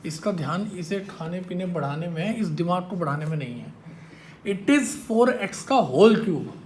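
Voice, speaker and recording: A man's voice: high-pitched, expressive, measured pace, a little mellow. Guy teaching maths to a class, jokes around and quizzes the kids, bit of hiss. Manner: teasing, quizzes students with questions. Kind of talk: classroom lecture. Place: classroom with students.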